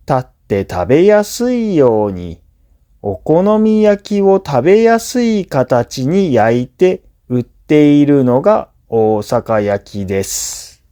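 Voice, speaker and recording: A male narrator, native in Japanese, works as a language teacher reading listening practice aloud. He speaks slowly in a mellow, slightly high voice, giving scripted educational narration with measured, clearly phrased explanation.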